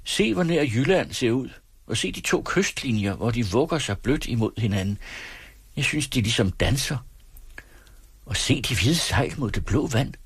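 A man's voice: mid-range voice, expressive, slightly rough, no echo, pitched above the performer's own voice. A man voicing an eager middle-aged husband who enthusiastically points out the sights of his new town. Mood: enthusiastic.

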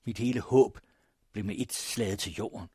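A man narrating a first-person story in a measured, grave manner. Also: fairly low pitch, steady tone, warm tone, slightly rough, dry recording, studio quality. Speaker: audiobook narrator.

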